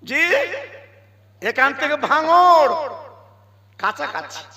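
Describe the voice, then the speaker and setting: A man preaching a fervent sermon, swinging between loud singsong cries and low asides and asking the crowd questions. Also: sing-song, slow pace, long reverb tail. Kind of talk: Bengali waaz sermon.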